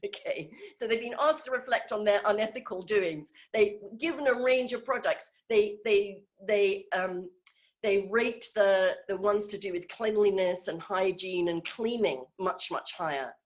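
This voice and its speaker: A woman's voice: medium pitch, measured pace. A woman giving an informal talk on a video call, conversational and hesitant, with many fillers and restarts. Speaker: speaker in an online group session.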